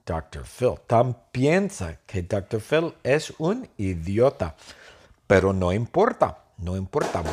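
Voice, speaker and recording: A man telling a silly story slowly in simple sentences, playfully repeating each line. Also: on the low side, slightly rough.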